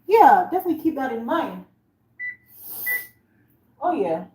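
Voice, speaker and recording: This high-voiced Nigerian author speaks unhurriedly, her pitch swinging widely, while she cooks in her kitchen and rambles casually with livestream viewers. The background is noisy, the sound roomy and distant, and a tap runs throughout.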